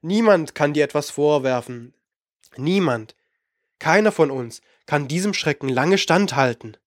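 A man's voice: a little high, animated, measured pace, no room sound, studio quality. A man voicing a young male apprentice mage who speaks in an urgent, clipped, grave way. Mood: reassuring.

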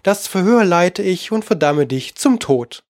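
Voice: medium pitch, expressive, unhurried, darkish tone, no room sound, studio quality, pitched above the performer's own voice. A reader voicing a sly, bullying dog from a rhyming storybook tale, bossy and scheming.

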